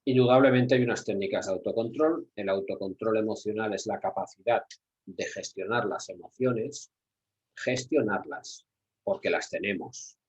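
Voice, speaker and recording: A man's voice: fairly low pitch, normal speed, a little mellow, breathy edge, dull audio. A middle-aged man from Spain with a Spanish accent, lecturing at a workshop for security staff, repeating key words and asking rhetorical questions. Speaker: security trainer.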